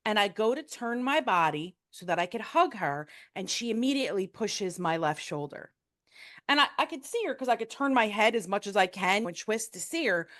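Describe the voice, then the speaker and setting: A woman in her fifties, a guest telling a personal story in a frank, casual, animated way, acting out the people she quotes. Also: on the high side, no room sound, studio quality.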